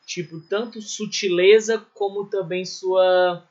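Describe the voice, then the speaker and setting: A man's voice: sits high, fairly even intonation, takes it slowly, darkish tone, muffled recording. A man teaching an art class, explaining at length and checking in with constant tag questions and restarts. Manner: explanatory, many "né?" and "ou seja" tags, self-corrections. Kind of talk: recorded online class lecture.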